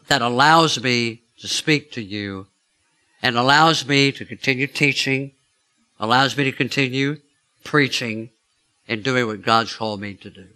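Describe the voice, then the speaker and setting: A man's voice: mid-range voice, pushed and bright, clear, resonant tone. A man preaching, telling a personal story in a chatty way and asking his listeners questions. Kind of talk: storytelling sermon.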